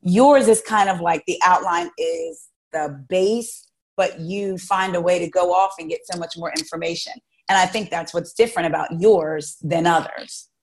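Female podcast host; low-pitched, effusive, casual. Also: moderate pace. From South Jersey, USA. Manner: chatty, effusive, restarts sentences. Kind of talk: casual interview chat.

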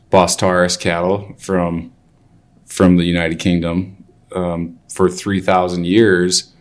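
An older man interviews in a fairly low voice at a very slow pace. He sounds like a deliberate cattleman, reasoning aloud and building each question in pieces.

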